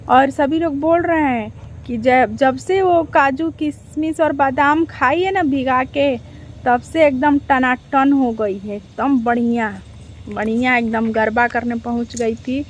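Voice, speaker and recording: Woman, high voice, chatty reaction vlogger, repeats herself, slight background noise. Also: slow. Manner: chatty, rhetorical questions, repeats phrases. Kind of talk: casual commentary to viewers.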